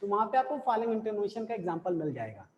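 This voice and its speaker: A man teaching an English intonation lesson, explaining slowly and repeating example sentences over and over. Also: sits high, very animated, darkish tone, lo-fi sound. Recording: echoey room with long reverb.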